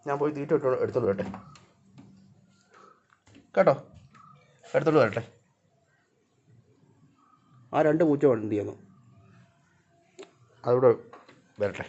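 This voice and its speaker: A man filming a casual vlog, talking to his cats, coaxing them and now and then scolding them in loud, high calls. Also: muffled recording. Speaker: vlogger. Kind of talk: casual vlog talk to camera and pets.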